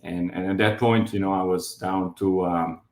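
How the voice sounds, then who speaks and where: A man's voice: deep voice, fairly even intonation, moderate pace, a little mellow, roomy sound. Man in his fifties, hesitant. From Croatia. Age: 50s. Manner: hesitant, many fillers and restarts. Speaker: guest sharing his diet story. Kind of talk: casual testimonial.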